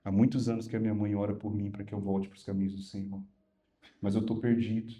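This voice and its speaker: Troubled male mechanic, ashamed and halting, mellow voice, played by a male preacher. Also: fairly low pitch, flat delivery, close to an everyday voice.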